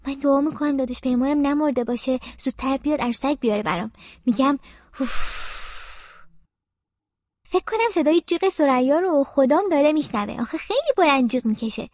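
Woman audiobook narrator, childlike first-person telling, high lively voice, dry slightly muffled sound. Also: no echo. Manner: childlike, expressive, playful sound effects. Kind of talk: first-person story narration as a young girl.

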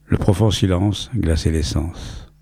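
A man reads a short story aloud in a low, gravelly voice, giving the lines a measured rhythm with a playful ear for wordplay. The sound is dry and close to the mic. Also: mellow, no room sound.

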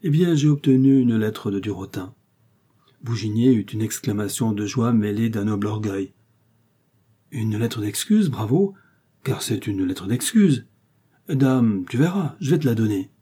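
A man's voice: lowish voice, animated, unhurried, warm tone, breathy edge. A man doing a sly, hedging friend. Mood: conspiratorial. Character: sly, conspiratorial male friend, young man.

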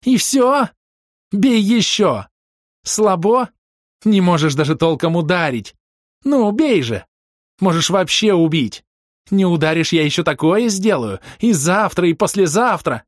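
A man voicing a wild, desperate young woman in an audiobook, shrill and taunting. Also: big pitch swings, normal speed, husky, no room sound, clean studio sound. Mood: furious shouting. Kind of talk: audiobook reading.

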